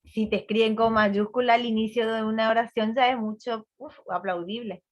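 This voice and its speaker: A woman's voice: fairly high pitch, fairly even intonation, normal speed, muffled recording. Chatty teacher woman on a video call. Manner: chatty, repeats words, asks the class questions. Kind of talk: online class lecture.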